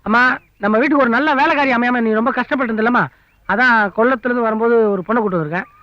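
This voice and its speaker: A glib young son in a film comedy-drama, pitched high and talking fast. His bright voice keeps a coaxing, explanatory tone, on slightly dull lo-fi film sound. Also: no echo. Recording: muffled lo-fi film audio.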